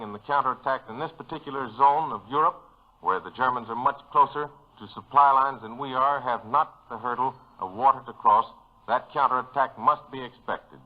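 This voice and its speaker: A man reporting live radio news in an earnest, measured way, heard through an old 1940s radio broadcast. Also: medium pitch, narrow, tinny audio. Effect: old 1940s radio broadcast sound.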